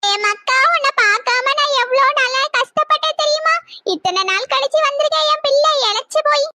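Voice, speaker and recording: A woman voicing a squeaky weepy village mother. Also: fairly quick, bright, forceful tone, no room sound, studio quality, exaggerated voice. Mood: tearful doting. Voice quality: very high, squeaky sped-up cartoon voice. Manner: emotional, fussing, crying with joy. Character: weepy doting village mother, middle-aged.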